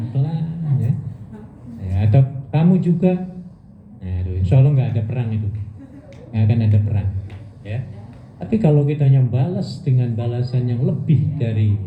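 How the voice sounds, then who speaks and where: A man's voice: mid-range voice, a little hiss or hum. A man giving a religious study lecture to a women's group in a mosque hall, playful, asking the audience questions and acting out lines with laughs. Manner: playful, questions the audience and has them answer; laughs often, acts out insults. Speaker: Islamic religious teacher. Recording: echoey, tinny phone-like sound.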